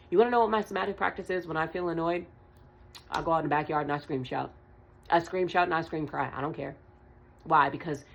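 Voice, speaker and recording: Woman, tarot reader, spiritual vlog, emphatic, repetitive, casual swearing, low gravelly voice, dull lo-fi sound. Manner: earnest, emphatic, repeats lines, swears casually. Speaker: tarot reader giving channeled messages.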